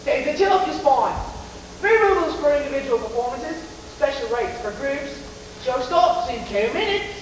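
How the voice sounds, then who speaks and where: A high school actor playing a scheming tramp with a high-pitched, drawn-out showman's pitch, hustling every line. The voice is heard from far off in a very echoey school hall with long reverb and faint hiss, caught on an old camcorder. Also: animated. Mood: pushy. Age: teens. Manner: theatrical salesman's patter, drawn-out emphasis. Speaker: student actor. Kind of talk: 1980s high school stage play. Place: school auditorium stage. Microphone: distant camcorder mic.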